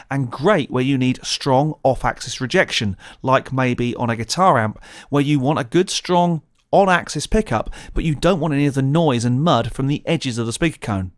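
Man, mid pitch, methodical tutorial presenter, close studio mic. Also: moderate pace. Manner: clear, methodical explaining. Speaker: presenter of a gear channel. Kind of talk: scripted tutorial narration. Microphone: studio condenser mic, close.

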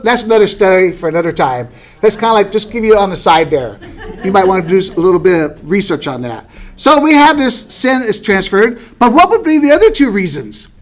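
High-voiced man teaching a Bible class. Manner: conversational, asks the class questions, light laughs.

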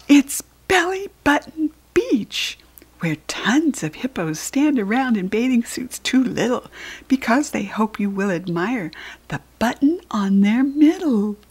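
An American woman reads aloud to young children, expressive and unhurried, her breathy voice swooping in lively pitch as she addresses the little ones.

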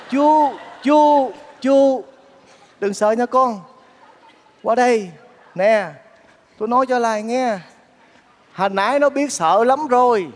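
An actor playing a kind-hearted bachelor neighbor in a stage comedy, talking in a soft, coaxing, earnest way. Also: male voice, very high-pitched. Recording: reverberant theater stage, faint music.

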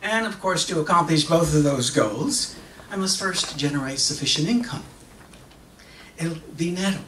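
Here a man reads a dramatic monologue in an auditorium as an earnest magazine publisher, in an earnest, wry mood. His slightly high, animated, fairly bright voice alternates English and Spanish in short, deliberate, halting phrases with pauses. The recording is distant and echoey with background noise, from a lectern stand mic captured by a distant camera.

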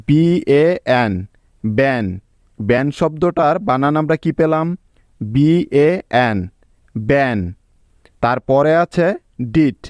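A man's voice: medium pitch, a little mellow, no room sound. A man teaching English spelling to students, breaking words into syllables and spelling them out letter by letter in a patient way. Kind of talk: spelling lesson.

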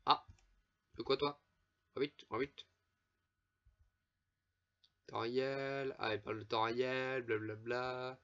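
A man gives loose, chatty commentary while he plays, swearing freely and laughing between remarks. His voice sits at an ordinary middle pitch. The recording is a bit dull and lo-fi, with mouse clicks in the background. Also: fairly even intonation, takes it slowly, pauses often, a bit bright. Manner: swears often, laughs, chatty asides to viewers. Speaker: gameplay commentator. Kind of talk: casual let's play commentary.

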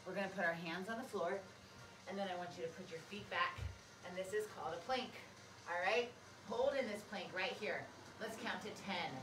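A woman's voice: medium pitch, fairly quick. A woman leading a workout as an aerobics instructor, calling out short encouraging cues and counts while she exercises. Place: large carpeted room with high vaulted ceiling, indoors. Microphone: camera a few metres away. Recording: roomy, distant mic, clearly noisy.

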